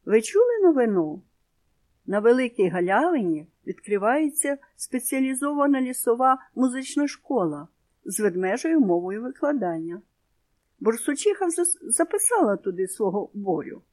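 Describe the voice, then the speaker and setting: Chatty mother hedgehog, eager and newsy, pitched up, as a woman reads. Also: big pitch swings, moderate pace, darkish tone, dry recording.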